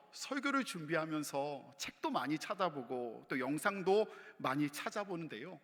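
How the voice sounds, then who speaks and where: Man, pastor, sermon, chatty storytelling, bright tone, long church reverb. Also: fairly high pitch. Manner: conversational, warm-humored storytelling. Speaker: senior pastor. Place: church sanctuary. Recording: reverberant sanctuary.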